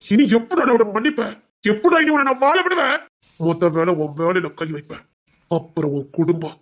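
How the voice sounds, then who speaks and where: An actor playing a bitter, vengeful man who swears revenge in a TV serial, threatening, at times shouting and at times sobbing. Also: flat delivery, moderate pace, natural voice. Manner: bitter, menacing, swings loud to low. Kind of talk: TV serial drama.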